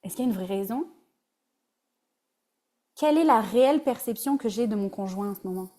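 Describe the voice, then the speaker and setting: Her voice is mid-range, mellow, animated and fairly quick. A relationship coach with a Québécois French accent, she delivers a conversational webinar presentation peppered with English words.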